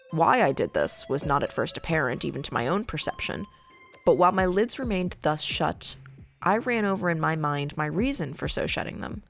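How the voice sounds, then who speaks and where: A woman podcast host reading a gothic horror story aloud in a measured, deliberate storytelling manner. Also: deep voice, creaky.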